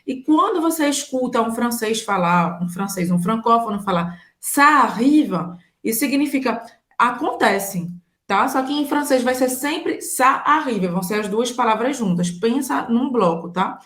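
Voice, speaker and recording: A woman's voice: fairly high pitch, animated, normal speed, fairly bright tone. Woman explaining French, echoey room. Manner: explains word meanings with everyday examples. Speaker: French teacher. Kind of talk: casual bilingual French lesson.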